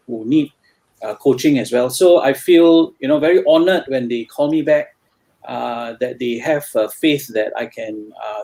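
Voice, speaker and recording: A man's voice: mid-range voice, vocal fry, warm tone. A man with a Singaporean English accent, a tutor being interviewed, talking in a hesitant way with many fillers and restarts. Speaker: guest tutor. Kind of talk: casual interview chat.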